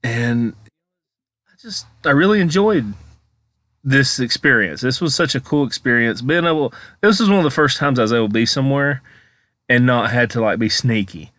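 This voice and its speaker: A man's voice: medium pitch, expressive, moderate pace, fairly bright tone, dry recording, clean studio sound. An American man giving a casual, chatty voice-over as a vlogger, rambling informally as he comments on exploration footage.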